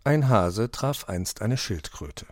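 Expressive man reading a fable. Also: on the low side, slow pace, dry recording, clean studio sound. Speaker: reader. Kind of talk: storybook narration.

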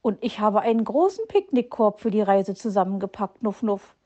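A woman's voice: mid-range voice, expressive, normal speed, mellow, highs cut off, natural voice. A woman voicing a caring but strict mother hedgehog who snuffles as she talks, in a storybook reading. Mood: fussy. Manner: snuffles "Nuff Nuff", scolds.

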